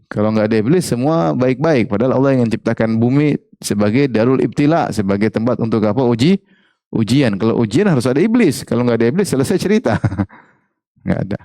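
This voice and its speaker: A man's voice: medium pitch, animated, a little fast, dark tone, dry recording. Male preacher, dry close sound. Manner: asks the audience questions and repeats key phrases. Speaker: Islamic preacher. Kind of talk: religious study lecture.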